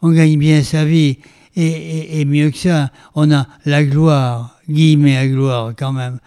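An older man from France, a veteran stage performer telling his life story in an interview, theatrical and animated with frequent restarts. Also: a little high, takes it slowly, clean tone, no room sound.

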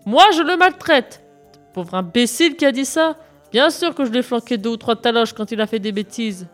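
A woman voicing a rude, brutish giant of a man in hunting clothes, gruff and scornful, over faint music. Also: a little high, fairly quick, natural voice. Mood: indignant.

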